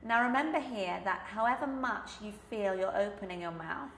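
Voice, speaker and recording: A woman's voice: mid-range voice, expressive, normal speed, fairly bright tone, a little hiss or hum. A woman with a British accent giving an instructional pronunciation lesson, enunciating carefully and stressing example words. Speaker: pronunciation coach. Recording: echoey room.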